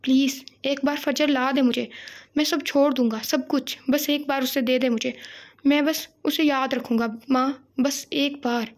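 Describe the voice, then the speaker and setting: A woman voicing a grief-stricken, violent young man with a breathy, half-whispered delivery. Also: sits high, steady tone, moderate pace, long pauses, natural voice. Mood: sobbing pleading.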